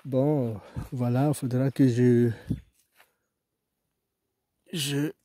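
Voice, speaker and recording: A farmer from Mayotte with a Mahoran French accent chats casually outdoors about his crops in a farm vlog. His medium-pitched, dark voice draws out words over fairly even intonation. He's hesitant and rambling, restarting often.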